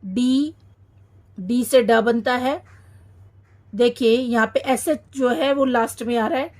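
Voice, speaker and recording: A woman teaching a children's phonics lesson, sounding out each syllable slowly and repeating every word. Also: fairly high pitch, a little mellow.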